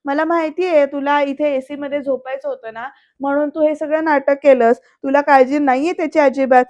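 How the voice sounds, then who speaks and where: A woman's voice: high-pitched, steady tone, a little fast, darkish tone, dull audio, natural voice. A woman voicing a domineering older aunt who scolds and accuses. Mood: scolding.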